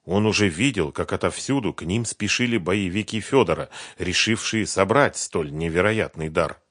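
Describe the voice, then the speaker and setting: A man reading a crime thriller audiobook in a steady, even storytelling manner. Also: sits low, normal speed, dry recording, studio quality. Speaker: audiobook narrator. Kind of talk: scripted narration.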